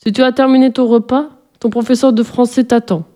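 A woman voicing a wealthy, calm father speaking to his daughter at dinner. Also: on the high side, fairly quick, pitched above the performer's own voice, natural voice.

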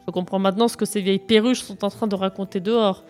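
A woman voicing a rude, brutish giant of a man in hunting clothes, gruff and scornful, over faint music. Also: mid-range voice, steady tone, fast talker, darkish tone, natural voice. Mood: indignant.

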